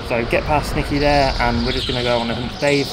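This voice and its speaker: A man's voice: medium pitch, little pitch movement, fast talker. A man giving casual, informal race commentary as a voice-over for a karting video. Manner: informal, dialectal grammar. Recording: noisy, outdoor-like vehicle and ambient noise.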